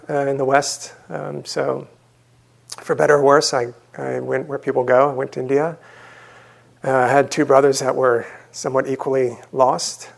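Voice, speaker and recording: Man, 30s, meditation teacher; gravelly, croaky voice, mid pitch, halting and self-deprecating delivery for a dharma talk. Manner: hesitant and self-deprecating, many pauses and fillers. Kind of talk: dharma talk to a retreat audience. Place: stage in a meditation hall.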